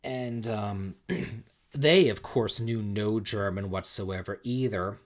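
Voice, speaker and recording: Slow and fairly low-pitched, this US livestream host in his forties is slightly tipsy. He rambles and repeats himself as he reads chat and tells stories in a casual stream.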